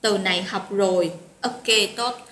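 A woman's voice: mid-range voice, measured pace. A woman teaching an English vocabulary lesson online, chatty and encouraging, greeting students by name. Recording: roomy echo with faint noise.

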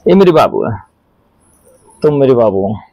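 A man's voice: mid-range voice, very animated, normal speed, dry recording, muffled recording. A young man in a casual family vlog, playfully teasing and bantering with his small children. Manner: teasing, playful, cries out in mock protest.

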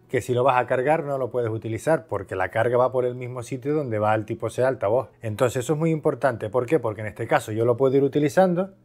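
This Spanish man hosts a video and reviews a product casually, explaining by posing questions and answering them himself. His voice is medium-pitched and a little mellow.

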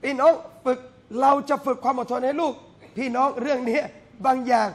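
A middle-aged man delivers a lively sermon in a very high voice. He jokes with his listeners, addressing them as brothers and sisters. His delivery swings between shouted exclamations and hushed asides. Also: brisk. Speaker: preacher. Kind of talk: Islamic sermon to a gathering. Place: café venue.

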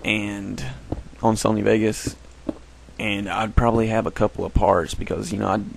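A man chats casually over his gameplay, rambling and often fixing his own slips. His voice sits a bit low and has a gravelly texture. A faint hiss stays in the background. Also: flat delivery, normal speed, poor audio. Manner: rambling, self-correcting. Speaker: gameplay commentator.

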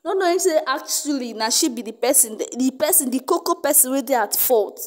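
A woman's voice: high-pitched, expressive, fairly quick. A woman with a Nigerian accent giving casual gossip commentary, emphatic and repetitive, mixing in Pidgin.

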